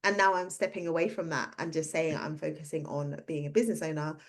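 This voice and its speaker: A woman's voice: low voice, steady tone, fast. A woman in her thirties, a career coach and podcast host, telling a personal story in casual conversation and acting out the voices she quotes.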